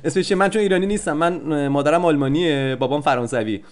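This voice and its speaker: Man, somewhat high pitch, comic prank caller, rambling, stammering, mock-polite. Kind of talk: improvised comic phone prank.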